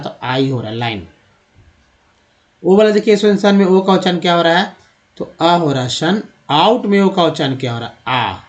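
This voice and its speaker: Man drilling English pronunciation, slightly high. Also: lo-fi sound. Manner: repeats questions and answers in a drilling rhythm; addresses viewers as friends. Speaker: English teacher. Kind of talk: explaining with written examples on screen.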